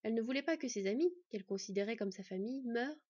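Mellow woman reading a story. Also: a little high, animated, rapid-fire, breathy edge, no echo. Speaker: narrator. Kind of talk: storybook narration. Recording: dull lo-fi dry recording.

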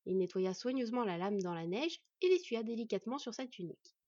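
A woman with a slightly high, husky voice reads a fantasy story in an even, steady storytelling manner. The recording is dry and a little dull, with no room sound. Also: brisk, dry recording. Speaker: audiobook narrator. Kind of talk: scripted fantasy narration.

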